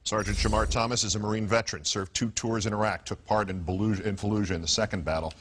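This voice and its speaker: Male news host, low-pitched and rapid, formal wordy delivery, some background noise. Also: steady tone, a bit bright. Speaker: interview show host. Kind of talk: news commentary and interviewing.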